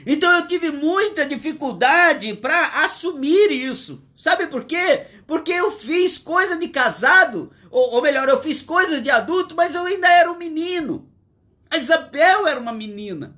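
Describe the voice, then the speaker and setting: High-voiced older Brazilian pastor preaching. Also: male voice, lively intonation, moderate pace, sharp tone. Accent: Brazilian Portuguese. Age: 60s. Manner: earnest, repetitive, emphatic preaching. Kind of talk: livestreamed sermon. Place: at home.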